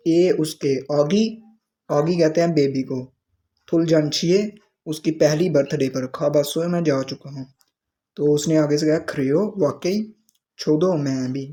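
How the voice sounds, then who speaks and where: A man's voice: a little high, mellow. A man teaching a language lesson, explaining the dialogue word by word. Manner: explains word by word, with frequent restarts.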